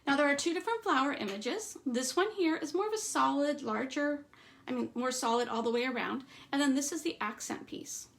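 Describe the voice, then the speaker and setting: A woman giving a live stamping demonstration, chatting through each step and trailing off into quiet asides. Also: sits high, a little fast, gravelly. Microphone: streaming setup at a craft table.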